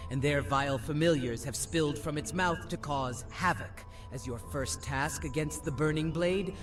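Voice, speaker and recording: A solemn fantasy quest-giver, voiced by a man, speaking in formal, commanding tones. His voice sits a little high. Game music plays clearly behind him. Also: natural voice. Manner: formal, grave, commanding delivery. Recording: game audio over music.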